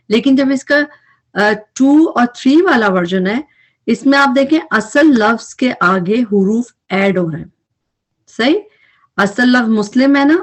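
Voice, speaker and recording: A woman teaching an Arabic grammar recap lesson, explaining patiently and mixing English terms into her speech. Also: medium pitch.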